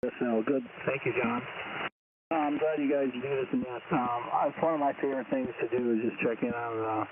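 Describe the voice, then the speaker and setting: A man's voice: medium pitch, steady tone, brisk, narrow, tinny audio. A man checking in with casual chat over a walkie-talkie-like two-way radio. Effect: heard over two-way radio, like a walkie-talkie. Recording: thin, band-limited shortwave radio with static. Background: radio static.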